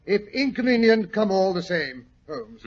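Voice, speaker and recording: A man's voice: high-pitched, very animated, measured pace, heavily acted. An actor playing a genial older English doctor with a British accent, recounting his adventures fussily and pompously in 1940s radio drama style. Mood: reminiscing, jovial. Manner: chuckling, fussy, pompously wordy. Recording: dull vintage 1940s radio recording.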